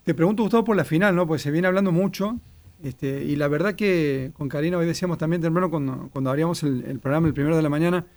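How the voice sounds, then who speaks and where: Argentine male radio host, rapid, slightly high, rambling interview questions. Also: a little mellow. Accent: Argentine Spanish. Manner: rambling questions with repeated words.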